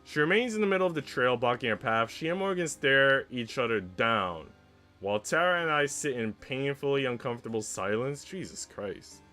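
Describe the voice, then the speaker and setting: Over soft background music, a man live-streams himself reading a visual novel aloud and chatting casually, using slangy, mildly sweary language. His medium-pitched voice is animated and sharp in tone, moving at a normal speed.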